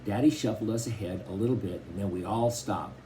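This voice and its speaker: A man narrating a novel in first person with expressive storytelling. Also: lowish voice, brisk, a little hiss or hum. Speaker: audiobook reader.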